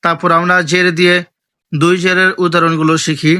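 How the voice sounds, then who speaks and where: A man teaching an online Quran reading lesson, calling out letters and vowel marks one by one in a slow, drilled chant. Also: a little high, level tone, pushed and bright, smooth. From Bangladesh.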